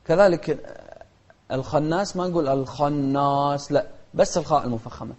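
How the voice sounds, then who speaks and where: A man runs a tajweed lesson. He moves from quick explanations to slow, melodic recitation. His voice is a little high and mellow, and the audio is dull and lo-fi. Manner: brisk explanations broken by slow, chanted recitation examples. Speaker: Quran recitation teacher.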